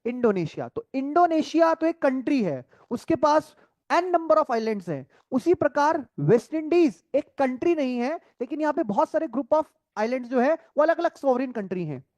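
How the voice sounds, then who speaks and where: A man teaching a coaching-class lecture, asking questions and answering them himself, repeating key terms with the answer dropping low. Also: animated, normal speed, few pauses, a little mellow, no echo.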